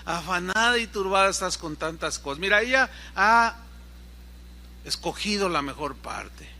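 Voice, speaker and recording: Man doing soft slow jesus voice, calm and kinda chiding, bright tone. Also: high-pitched, creaky, exaggerated voice. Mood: gentle. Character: calm, gentle, authoritative male teacher, Jesus.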